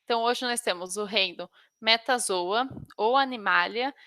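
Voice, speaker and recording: A woman's voice: fairly high pitch, normal speed, pushed and bright, dry recording, clean studio sound. A Brazilian woman with a slight tongue-tied lisp, teaching an informal biology lesson to exam students and stumbling over technical terms.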